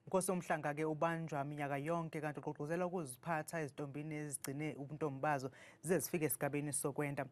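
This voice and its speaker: A woman's voice: sits low, a little mellow. A woman with a Zulu accent presenting scripted news as a studio anchor.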